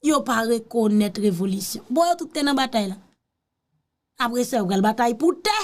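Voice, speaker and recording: High-pitched teasing Haitian woman. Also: lively intonation, moderate pace. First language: Haitian Creole. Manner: teasing, interjecting, mixing Creole with French. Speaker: commentator reacting to a political speech. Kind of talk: casual mocking commentary.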